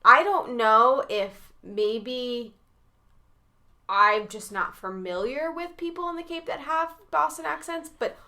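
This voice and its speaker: Chatty bright-voiced woman podcaster. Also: fairly high pitch, animated, slow pace. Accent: mixed southern Massachusetts and Rhode Island. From southern Massachusetts. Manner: chatty, many fillers like "um" and "like". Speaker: podcast co-host. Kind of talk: casual chat.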